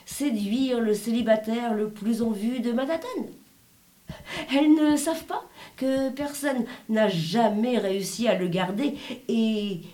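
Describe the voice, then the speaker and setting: A man's voice: very high voice, measured pace, mellow, voice pushed up. A woman reading the part of a jovial, mocking man who laughs off jealousy about his brother, in a spoken story. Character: teasing, jovial man, rich man's brother. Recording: roomy echo.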